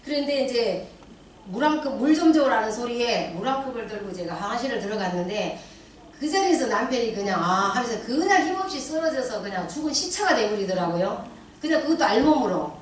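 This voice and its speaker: A middle-aged woman stands before a church congregation and gives a personal testimony, acting out her own cries and prayers as she tells it. Her voice sits a little high. It comes from some distance and rings around a very echoey hall. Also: animated, fairly quick, slight background noise. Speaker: church deaconess giving testimony.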